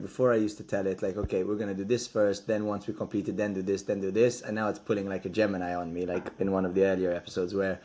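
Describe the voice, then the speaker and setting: A man co-hosting a casual podcast, with a voice pitched a little low. He talks in a measured, explanatory way, laying out his point step by step. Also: darkish tone. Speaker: podcast co-host. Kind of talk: casual chat.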